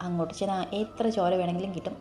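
A woman's voice: on the low side, fairly even intonation, very fast, dark tone, lightly acted. A woman voicing a comically frightened young heroine in a storybook reading, with pleading, rambling chatter. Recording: echoey room, faint music.

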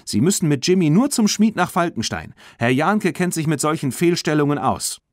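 A man's voice: a little high, animated, moderate pace, no echo, studio quality, voice pushed up, natural voice. A male audiobook reader voicing Tina, a stubborn, indignant teenage girl who scolds an adult. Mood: defiant. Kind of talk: audiobook reading.

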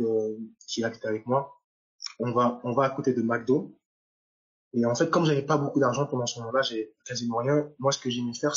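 A young man originally from Nigeria recounts his testimony as a footballer, pitch sitting in an ordinary middle range. He speaks haltingly, repeating words and restarting sentences as he goes. The recording has a slightly dull, muffled tone. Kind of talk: personal faith testimony.

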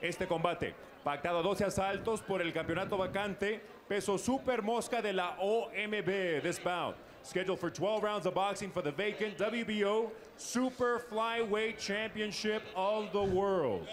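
A man announcing formally as a bilingual boxing ring announcer, in a theatrical, booming lucha libre announcer manner with drawn-out names. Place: boxing ring in a large indoor arena. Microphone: handheld microphone. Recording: echoey arena microphone with noisy background.

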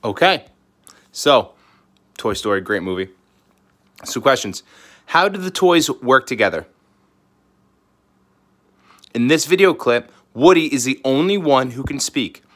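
An upbeat male teacher talks straight to young pupils in a recorded online lesson. His voice sits at an ordinary middle pitch. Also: lively intonation, a little slow, pauses often, fairly bright tone. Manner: upbeat, talks directly to children.

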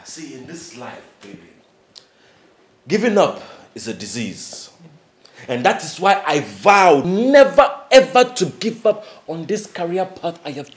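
An exuberant, optimistic aspiring film star with a Nigerian accent. His delivery is slow and preachy, full of repetition. The pitch swings very widely, as in heightened screen drama. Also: fairly bright tone, exaggerated voice. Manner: preachy, emphatic, repeats himself. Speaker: actor in a film. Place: furnished living room and bedroom indoors.

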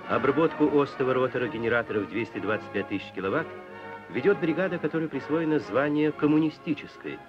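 Give me a man reading an old newsreel in a solemn, declamatory way, his pitch rising and falling widely. The sound is dull and lo-fi, with music clearly underneath. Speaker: newsreel narrator. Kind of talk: scripted newsreel narration.

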